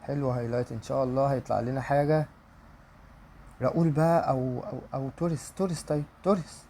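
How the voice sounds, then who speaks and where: A man's voice: mid-range voice, steady tone, fast talker, dark tone, a little hiss or hum. A young man with an Egyptian accent commenting on game pack openings, pleading for good luck and repeating his wishes aloud. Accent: Egyptian Arabic. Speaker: gaming YouTuber.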